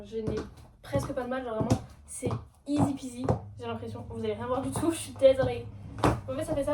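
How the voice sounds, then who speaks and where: Young French woman vlogger, noisy recording, higher voice. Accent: French from France. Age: young adult. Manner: slangy, peppered with English words, self-mocking. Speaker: vlogger and university student. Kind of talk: casual chatty vlog.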